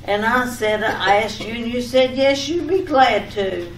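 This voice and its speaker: In an old-time radio comedy skit, a woman plays a fussing, affectionate, nagging wife who insists and often repeats herself. Her voice is on the high side, unhurried and close to how she normally speaks. The recording has an echoey room, a distant mic and background noise.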